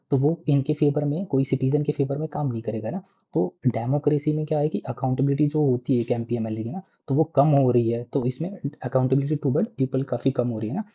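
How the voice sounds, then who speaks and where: A man's voice: mid-range voice, slightly rough, lo-fi sound. A man teaching an exam prep lesson in a casual explanatory way, often tagging sentences with "na" and restarting words. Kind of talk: explanatory lecture.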